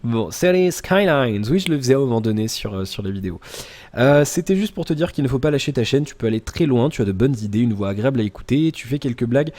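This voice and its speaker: A man's voice: mid-range voice, lively intonation, fast, warm tone. A man chatting casually in a daily vlog, answering viewer comments in a rambling way with many fillers and restarts, talking straight to the viewer. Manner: addresses the viewer informally.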